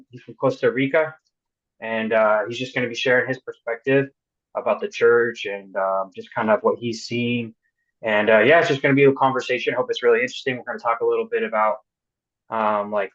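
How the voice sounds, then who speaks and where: A man hosting a podcast in casual chat, halting and filling pauses often. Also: medium pitch, fairly bright tone. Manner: halting, many fillers. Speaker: podcast host. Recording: dull lo-fi audio.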